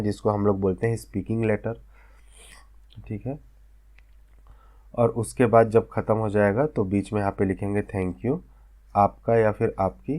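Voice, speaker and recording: A man's voice: lowish voice, darkish tone. A man teaching a vocational class, explaining step by step and often checking whether students follow. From India. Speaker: vocational instructor. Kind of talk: classroom lecture.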